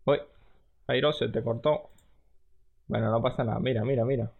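A man's voice: mid-range voice, steady tone, moderate pace, vocal fry, phone-quality sound. A man in his twenties from Extremadura, co-hosting a podcast in casual, joking chat. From Extremadura, Spain. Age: 20s. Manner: joking, teasing, laughs often. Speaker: podcast co-host.

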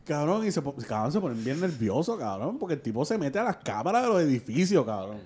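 Man, very lively pitch, expressive, constant swearing, casual podcast banter. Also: quick pace, slightly rough. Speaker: podcast co-host. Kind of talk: casual chat.

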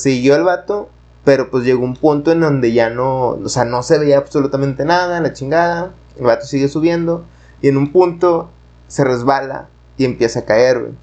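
A man with a Mexican Spanish accent who talks loosely and rambles, peppering every phrase with slang. His voice sits at an ordinary middle pitch. He tells a story in casual conversation. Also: a little mellow. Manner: rambling, slangy, many fillers.

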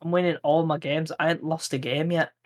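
A man's voice: fairly high pitch, level tone, a little fast. A man with a Yorkshire accent co-hosting a podcast in casual banter, playful and boastful. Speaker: podcast co-host.

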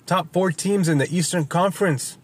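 A man's voice: sits high, normal speed, a little hiss or hum. A man co-hosting a casual sports chat, reading league results and standings, swearing often and slipping in Spanish phrases. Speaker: podcast co-host reading soccer results.

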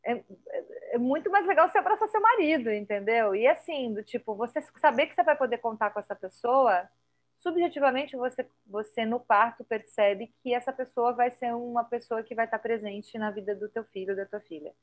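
A woman with a Brazilian Portuguese accent, a doula guest in a casual podcast chat, telling stories lively and acting out what people said. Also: on the high side, brisk. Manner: lively storyteller acting out quoted dialogue. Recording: slightly dull lo-fi podcast audio.

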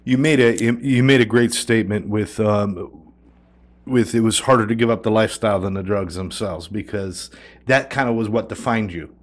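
A man's voice: on the low side, moderate pace. A man interviews his guest in an affirming, supportive way. His questions are long and reflective and wind around before landing. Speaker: host interviewer.

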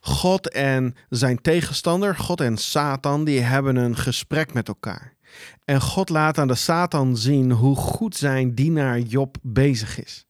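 A man giving a devotional Bible retelling as a preacher, speaking in a slow, dramatic storytelling style with long pauses. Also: mid-range voice, clean tone, no room sound, clean studio sound.

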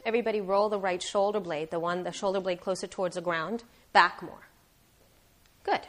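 A woman teaching a live yoga class, guiding step by step in a careful, unhurried and encouraging way. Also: fairly low pitch, fairly even intonation. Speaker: yoga instructor.

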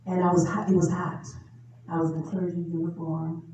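A woman preaching a testimony sermon, moving from low storytelling to loud, emotional preaching. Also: level tone, normal speed, highs cut off. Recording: echoey room from far off, background noise.

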